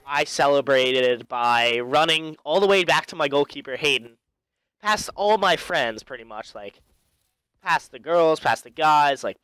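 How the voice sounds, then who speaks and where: A man's voice: medium pitch, sharp tone, clean tone, dry recording. A man telling a rambling personal story in casual chat over live gameplay commentary, full of fillers and restarts. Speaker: gaming commentator.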